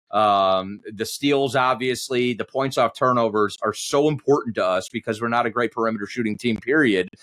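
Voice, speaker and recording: A basketball radio play-by-play announcer appears as a podcast guest, offering conversational sports analysis. His medium-pitched voice is a bit bright, and his explanations run long and digressive.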